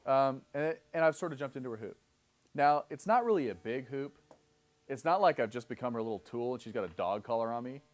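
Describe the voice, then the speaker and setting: A man's voice: medium pitch, lively intonation, a little fast. A man in his thirties giving a live seminar lecture, explaining step by step, often checking in with "okay?" and acting out both sides of example dialogues. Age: 30s. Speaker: seminar instructor.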